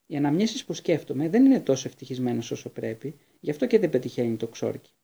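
A man's voice: medium pitch, very animated, vocal fry, mellow, husky, exaggerated voice. A man voicing an earnest, eager teenage boy wizard in an audiobook. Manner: earnest, pleading.

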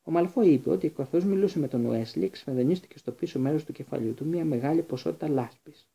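A man's voice: fairly high pitch, vocal fry, dark tone. A man reading aloud and voicing a stern, sneering male professor who interrogates coldly. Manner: sardonic, interrogating.

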